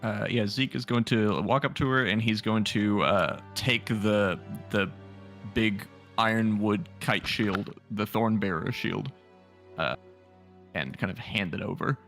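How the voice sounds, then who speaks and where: Young male player, low gravelly voice, halting delivery. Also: fairly bright tone, faint music behind. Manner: hesitant, many fillers. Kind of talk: tabletop game play.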